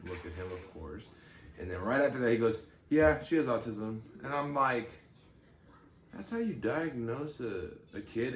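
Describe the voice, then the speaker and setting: Laid-back guy co-hosting, rambles a lot, faint hiss in the background. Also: fairly low pitch. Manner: relaxed, rambling with many fillers. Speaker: channel co-host, parent. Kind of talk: casual chat. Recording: roomy with faint background noise.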